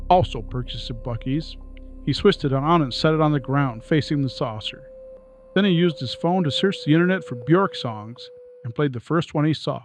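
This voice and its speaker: A man narrating a comic audiobook in a wry storytelling way. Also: fairly high pitch. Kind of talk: scripted narration. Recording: narration over music.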